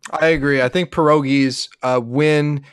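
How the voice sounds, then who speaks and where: A man co-hosting a comedy podcast, delivering absurd bits in a deadpan, mock-earnest way. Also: a little high, a little slow, clean tone, dry recording, clean studio sound. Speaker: podcast co-host. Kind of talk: casual comedic chat.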